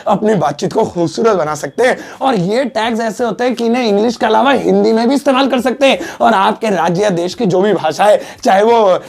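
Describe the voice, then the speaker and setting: A man's voice: high voice, a little fast, gravelly, few pauses, a little mellow. A man teaching English in a spoken lesson, joking and teasing between examples and repeating each one in Hindi and English. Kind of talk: classroom-style spoken lesson.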